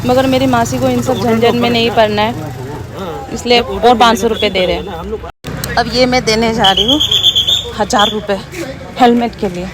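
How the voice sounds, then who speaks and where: High-voiced indignant young woman vlogger. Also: steady tone, moderate pace, pauses often, over a noisy crowd. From Arunachal Pradesh, India. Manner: indignant, chatty, mixes English phrases. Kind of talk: casual vlog narration. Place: outdoors and in a supermarket. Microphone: handheld phone camera.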